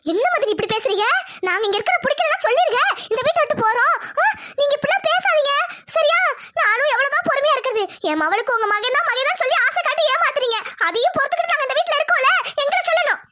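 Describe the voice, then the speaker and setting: A woman's voice: extremely high pitch, lively intonation, very fast, very noisy. A woman voicing a scheming, quarrelsome village sister-in-law in a cartoon drama, taunting and argumentative. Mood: indignant.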